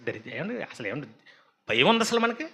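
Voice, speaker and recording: Guy preaching, high bright voice, super animated, lots of mocking asides. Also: brisk. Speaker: pastor. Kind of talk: sermon.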